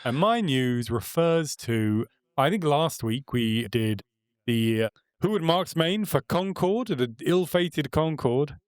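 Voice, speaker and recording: A man's voice: a little high, lively intonation, slow pace, smooth, no echo, clean studio sound. Chatty man hosting a gaming podcast. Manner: chatty, self-assured, joking. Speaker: podcast host. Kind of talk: casual chat, news rundown.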